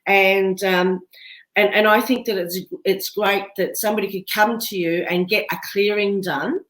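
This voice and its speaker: A woman's voice: mid-range voice, steady tone, moderate pace, fairly bright tone, roomy sound, low-quality recording. A woman hosting a podcast, chatting and agreeing easily, often ending with tag questions. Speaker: podcast host. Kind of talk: casual interview chat.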